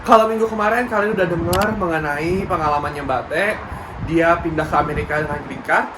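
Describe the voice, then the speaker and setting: Upbeat Indonesian host, noisy background. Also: male voice, on the high side, fairly quick. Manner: mixes English phrases, brief acknowledgements. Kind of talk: casual interview. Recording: audible background noise.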